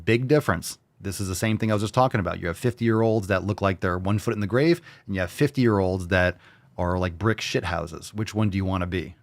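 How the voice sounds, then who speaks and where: A man's voice: low-pitched, a little fast, no room sound. A man in his forties hosting a fitness show, talking bluntly and swearing as he pushes viewers to work out. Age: 40s. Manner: blunt, profane, pushy motivator. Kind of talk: motivational livestream talk, reading viewer comments.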